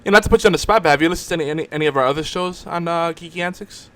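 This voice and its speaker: A man with a slightly high, somewhat bright voice races through casual banter while hosting a live online podcast. He rambles, repeats words, and restarts his sentences.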